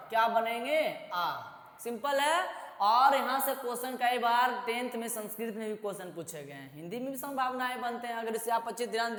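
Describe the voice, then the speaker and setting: A woman teaching a grammar lesson to school students, drilling drawn-out vowels and checking in with "है ना" as she goes. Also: a little high, a bit bright. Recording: echoey room with long reverb.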